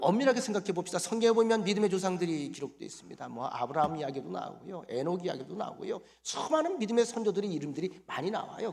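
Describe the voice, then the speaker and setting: Male pastor, lively sermon voice that swoops up and down, slightly high, asks the flock questions. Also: gravelly. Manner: lively preacher who quizzes the congregation and has them repeat phrases.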